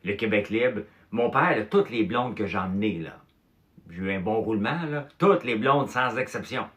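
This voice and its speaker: Animated Québécois man, bright voice. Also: lowish voice, normal speed. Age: 50s or older. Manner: animated storyteller, mild swearing, fillers like "là" and "ok". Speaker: host. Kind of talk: casual chat telling childhood stories.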